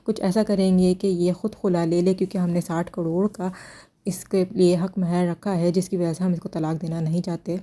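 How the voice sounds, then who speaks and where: Flat, dark-voiced woman recapping a drama. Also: fairly low pitch. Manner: steady retelling of scenes with critical asides. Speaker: drama reviewer. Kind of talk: drama episode recap and review.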